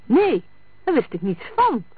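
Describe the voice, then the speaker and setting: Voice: mid-range voice, expressive, a little fast, no echo. A reader voicing a nervous, evasive young petty crook who keeps protesting his innocence. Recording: dry, tinny lo-fi sound.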